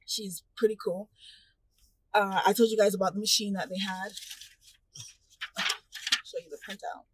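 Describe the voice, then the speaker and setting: A woman's voice: medium pitch, level tone, normal speed, noisy background. A woman in her thirties talking casually to her camera as a vlogger, candid and full of fillers. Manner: chatty, candid, filler-heavy; hushed, nervous whispering in waiting room. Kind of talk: casual vlog chat.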